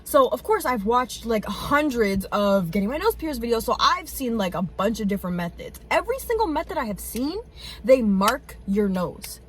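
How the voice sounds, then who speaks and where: A woman's voice: a little high, very animated. A woman in her twenties telling a long story in casual chat, full of "like" fillers and swearing. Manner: fast chatty storytelling, many "like" fillers, swears. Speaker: co-host.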